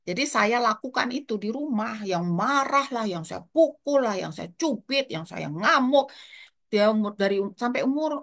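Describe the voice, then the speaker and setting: An older woman with a Jakarta colloquial accent, telling lively stories as she gives parenting advice. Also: a little high, moderate pace, creaky. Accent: Jakarta colloquial Indonesian. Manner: lively storytelling with quoted asides. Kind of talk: casual advice chat.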